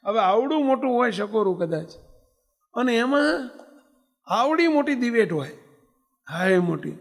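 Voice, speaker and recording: High-pitched guy preaching, keeps asking the crowd stuff, long echo like a big hall. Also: big pitch swings, measured pace, gravelly. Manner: asks the audience frequent questions. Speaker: swami preacher. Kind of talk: sermon with storytelling.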